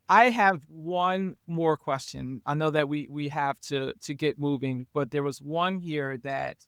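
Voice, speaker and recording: A man co-hosting a podcast, asking chatty, halting questions. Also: a little high, gravelly, fairly bright tone, no room sound, studio quality. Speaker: podcast co-host. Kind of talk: casual interview questions.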